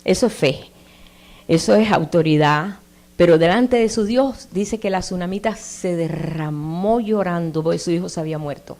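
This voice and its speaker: A woman's voice: fairly low pitch, moderate pace, a little mellow. A woman preaching a sermon in a conversational way. She reads scripture aloud with emphatic rises and puts questions straight to her listeners. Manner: addresses listeners directly with tag questions.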